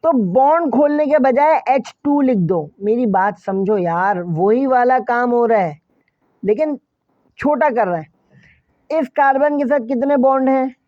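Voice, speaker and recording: A man's voice: extremely high pitch, a little slow, dry recording, highs cut off. A man teaching a chemistry lesson, asking questions and answering them himself, repeating key points and speaking straight to his students. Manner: repeats key phrases, addresses students directly. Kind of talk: classroom lecture.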